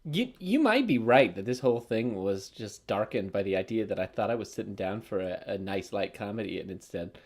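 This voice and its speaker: A man co-hosting a film podcast in casual chat, jokey and quick to laugh. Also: on the low side. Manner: animated, jokey, breaks into laughter. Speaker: podcast co-host.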